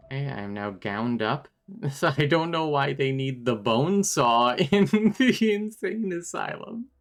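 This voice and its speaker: A man's voice: mid-range voice, lively intonation, a little slow, a bit bright. A man streaming a game live and commenting with sarcastic jokes and frequent laughter. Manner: joking, sarcastic asides; laughs often while talking.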